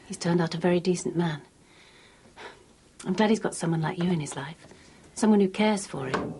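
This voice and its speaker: A woman's voice: lowish voice, moderate pace, natural voice. An actress playing a tactful but probing confidante in a naturalistic TV soap, a woman, with slight noise behind. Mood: gently probing. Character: gently prying woman confidante. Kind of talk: naturalistic TV soap drama acting.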